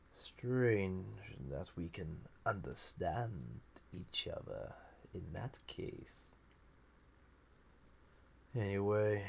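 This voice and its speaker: A male actor voices an ancient, banished sorcerous villain in a scripted audio roleplay, delivering an intimate monologue to the listener. His full character voice sits low, husky and gravelly, theatrical and musing, with wide intonation swings that drift into breathy near-whispers. The villain, a magical being, comes across as wry, flirty and menacing, yet wistful and resigned.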